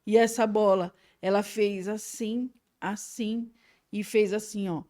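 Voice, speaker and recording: A woman with a Brazilian Portuguese accent tells an emotional personal testimony as a guest, her voice at a middle pitch. She paints scenes vividly, dropping to a hush and then rising loud again. The sound is dry and close, with little room around it. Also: steady tone, slow, dry recording. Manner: vivid storytelling, swinging between hushed and loud.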